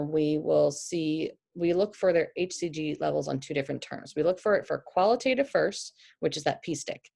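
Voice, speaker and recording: A woman's voice: sits low, vocal fry, darkish tone. A young adult woman with a New York accent, explaining a lesson off the cuff with many restarts. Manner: explanatory, with frequent restarts and fillers. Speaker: teacher. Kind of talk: unscripted lecture.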